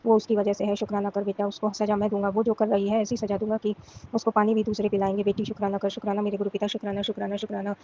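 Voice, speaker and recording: Middle-aged woman from Rajasthan, rapid pleading devotional prayer, flat tone, muffled lo-fi home recording. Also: mid-range voice, a little hiss or hum. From Rajasthan, India. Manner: pleading, emotional, repetitive devotional chanting. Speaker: devotee giving testimony.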